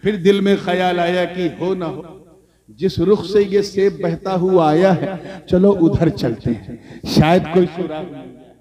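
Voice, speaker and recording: A male preacher telling a story in an animated sermon, building on repetitive rhetorical chains before a live audience. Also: sits high. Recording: crowd laughing in background.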